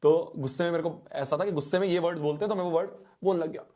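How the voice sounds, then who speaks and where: A young male teacher tells a childhood story to his students. His voice sits a little high, and he keeps it lively and playful, often turning to the audience for a reaction. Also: rapid-fire.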